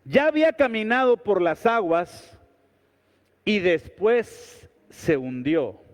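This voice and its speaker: High-voiced pastor preaching slowly in a hall. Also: male voice, very animated. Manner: preaching with repeated refrains and sudden rises. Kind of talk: sermon.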